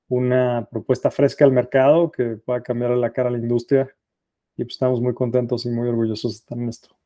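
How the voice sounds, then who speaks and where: A middle-aged man with a Mexican accent talks through a podcast interview as the guest. His voice is dark and mellow, and he tells his story in a relaxed, self-deprecating way. The recording is dry and close. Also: mid-range voice, dry recording.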